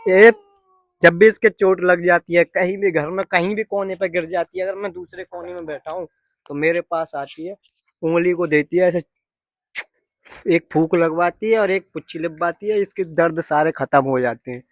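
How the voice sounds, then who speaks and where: A man with a notably high voice talks to his viewers in a relaxed family vlog. He is chatty and playful, slipping into sing-song teasing with the kids. The sound is dry and close. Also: moderate pace, no echo. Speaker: family vlogger. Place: home, indoors and rooftop.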